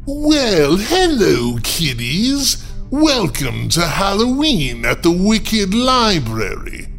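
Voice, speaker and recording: A man's voice: high voice, huge pitch swings, creaky, fairly bright tone, faint music behind, exaggerated voice. A man playing a sinister librarian who hosts horror tales, theatrical and gloating, drawing out his words. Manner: theatrical, gloating, drawn-out with sly chuckles. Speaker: host character. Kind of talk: scripted horror podcast hosting.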